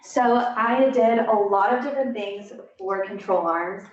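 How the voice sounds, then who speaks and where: A young woman student calmly explaining her internship work. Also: medium pitch, a little slow. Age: young adult. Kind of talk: presentation. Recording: echoey, distant, dull lo-fi sound.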